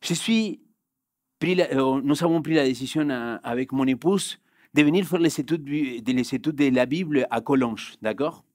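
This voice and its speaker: Pastor, young man, Spanish accent, mid-range voice, dry close sound, urgent then hushed. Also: medium pitch, normal speed, no room sound. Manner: swings between loud urgent bursts and hushed quiet passages. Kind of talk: sermon with personal story. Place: church hall.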